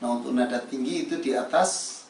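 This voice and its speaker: A man teaching Quran recitation melody, explaining pitch steps slowly and then demonstrating them in a sung melody. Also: a little mellow, reverberant, distant mic. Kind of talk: slow spoken lesson with sung recitation examples.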